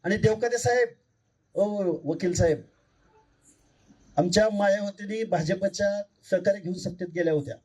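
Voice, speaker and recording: A man with a raised, high-pitched voice delivers a fiery speech at a public meeting, caught from a distance by the microphone. He pleads earnestly with the crowd and keeps hammering them with rhetorical questions. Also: normal speed, long pauses, darkish tone, slightly rough. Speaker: political speaker at a public meeting. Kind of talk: fiery political rally speech.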